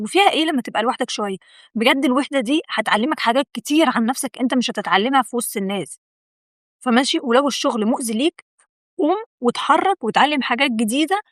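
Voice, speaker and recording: A young Egyptian woman talks straight to her viewers in a rapid, encouraging pep talk, her voice sitting a touch high. She repeats key words for emphasis and keeps it chatty and direct. The sound is close and dry, with no room around it. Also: no room sound. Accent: Egyptian Arabic. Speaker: video host. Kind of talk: motivational talk to camera.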